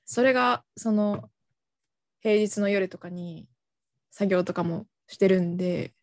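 A young woman in relaxed conversation, her voice close and dry with no room around it. She sits at an ordinary pitch for a woman, asking easy questions and chiming in readily. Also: no echo. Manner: frequent quick backchannel agreement, friendly questions. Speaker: conversation partner. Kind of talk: casual chat.

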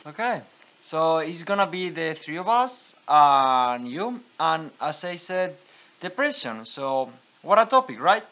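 A man's voice: on the high side, big pitch swings, a little slow, sharp tone. A man hosts a casual podcast, introducing guests and asking questions in a conversational way. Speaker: podcast host.

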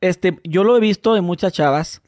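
A man with a Mexican accent hosting a relaxed, joking interview chat. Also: sits high, normal speed, no echo, studio quality. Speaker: host.

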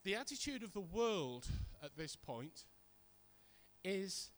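A preacher, a middle-aged British man, gives a sermon woven with personal anecdotes in a high, sing-song, slightly bright voice. He talks slowly and conversationally, telling stories and returning to his points again and again for emphasis.

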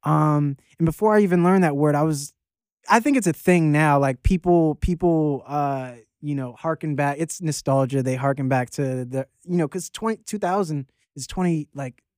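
A man around thirty, from Baltimore, rambles casually as an interview guest, full of fillers and restarts. His voice sits a bit high for a man. The sound is close and dry. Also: normal speed, a little mellow, no room sound. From Baltimore, Maryland. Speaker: guest rapper.

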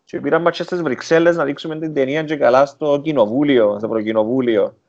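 A man speaks in a gravelly, creaky voice with a Greek Cypriot accent. He talks casually, as a guest telling stories, slipping in English words. The sound is slightly dull and lo-fi. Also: mid-range voice, a little mellow. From Cyprus. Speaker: interview guest, film and theatre director. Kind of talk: casual conversational storytelling.

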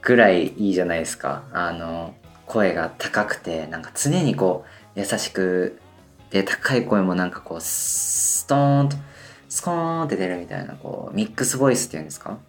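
A man in his twenties, a band member, rambling through a solo radio talk full of hesitant fillers while deliberately pushing his voice higher than usual. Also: expressive, faint music behind. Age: 20s. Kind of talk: casual solo radio monologue.

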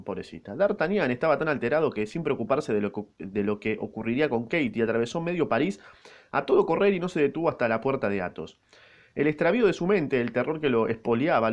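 A man with an Argentine accent reading a novel aloud casually, breaking in with slangy jokes. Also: mid-range voice. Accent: Argentine Rioplatense Spanish. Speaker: reader of a novel. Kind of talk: casual read-aloud with comments.

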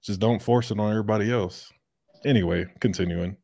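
A man hosting a podcast in casual commentary, blunt and profane, breaking into loud laughter. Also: on the low side, brisk, gravelly, no echo, studio quality. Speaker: podcast host.

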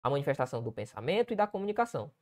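A man whose voice runs on the high side, with big pitch swings and a rapid-fire pace, speaks with a Brazilian Portuguese accent. He's a writing teacher going over a student essay aloud, frequently checking in and pointing out details on the page.

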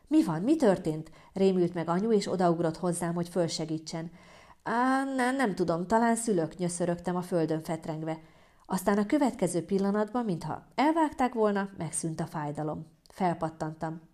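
Mélyebb, lágy hangú női mesélő. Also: female voice, on the low side. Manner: lively, humorous storytelling. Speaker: narrator. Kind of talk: first-person audiobook narration.

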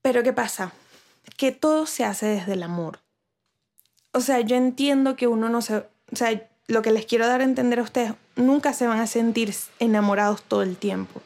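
A woman's voice: a little high, moderate pace, darkish tone. A woman vlogger talking casually to camera, giving relationship advice with rhetorical questions and frequent restarts. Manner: chatty, asks viewers rhetorical questions.

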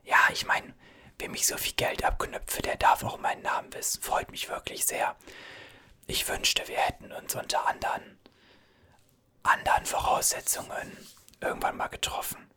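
A man's voice: normal speed, pushed and bright, natural voice. A man whispering as a chatty, soothing gas station cashier in an ASMR roleplay, reassuring and rambling.

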